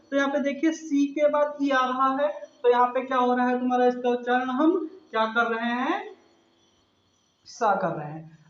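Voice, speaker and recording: A male English grammar teacher with a Hindi accent, explaining step by step and often asking the class rhetorical questions. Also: extremely high pitch. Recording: echoey room, dull lo-fi sound.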